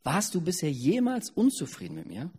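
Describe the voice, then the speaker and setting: A man's voice: fairly high pitch, huge pitch swings, brisk, dark tone, slightly rough, exaggerated voice. A man voicing a loyal female donkey who plaintively asks why she was beaten. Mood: reproachful. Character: meek talking female donkey, loyal and hurt. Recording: long hall reverb.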